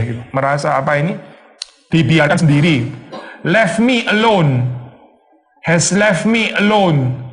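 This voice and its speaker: A male pastor giving a conversational sermon, teaching with rhetorical questions, slipping in English phrases and acting out complaining voices. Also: fairly high pitch.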